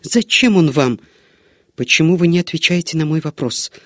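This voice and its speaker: A woman's voice: low-pitched, normal speed, dry recording, studio quality. A woman voicing a frightened, timid young girl who pleads in a trembling way in a gothic audiobook. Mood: bewildered.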